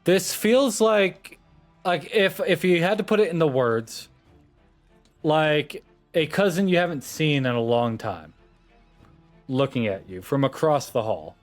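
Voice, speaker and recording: A man's voice: medium pitch, lively intonation, a little slow, soft background music. A man running a tabletop game as game master, apologetic and laughing, often stumbling over his words.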